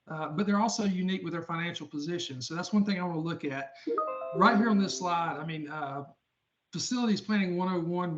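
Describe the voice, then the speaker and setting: A middle-aged man with a deep Southern US accent giving an informal finance presentation in a folksy, conversational way. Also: dull audio. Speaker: public sector finance expert, presenter.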